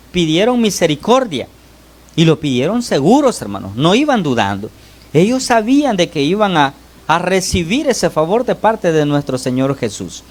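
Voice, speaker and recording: Man preaching, constantly addressing "hermanos". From El Salvador. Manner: repeats "hermanos" and "¿verdad?" between phrases; pitch and loudness swing widely between phrases. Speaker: lay preacher. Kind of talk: sermon.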